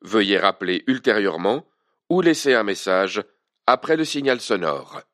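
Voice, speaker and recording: A man giving a formal, measured answering machine greeting in a scripted voicemail announcement. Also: on the low side, sing-song, fairly bright tone.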